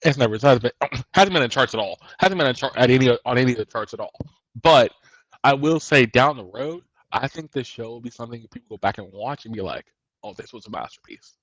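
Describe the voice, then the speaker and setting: A man's voice: mid-range voice, lively intonation, quick pace, fairly bright tone, no echo, low-quality recording. A man co-hosting a podcast, talking casually and rambling, often restarting his sentences. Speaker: podcast co-host. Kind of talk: casual chat.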